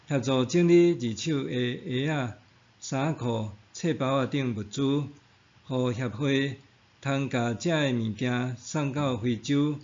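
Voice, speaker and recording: A slightly dull, lo-fi recording of a man narrating a scripted devotional. He has a Taiwanese Hokkien accent and a middle-pitched voice. His delivery is very slow, formal and measured. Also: a little mellow.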